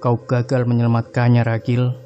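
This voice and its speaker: A man's voice: mid-range voice, completely flat delivery, normal speed, mellow, dull audio, soft background music, lightly acted. Man voicing a taunting demon queen. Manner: taunting, menacing. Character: cruel female demon queen.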